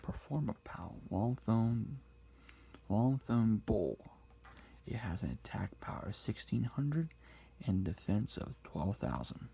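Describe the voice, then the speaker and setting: A man speaking very quietly, sometimes whispering, close to the ear in an ASMR style, reading things out slowly. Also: fairly low pitch, big pitch swings, vocal fry. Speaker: ASMR card collector showing a deck. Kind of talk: quiet ASMR talk, soft-spoken to whispered. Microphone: close-up ASMR mic.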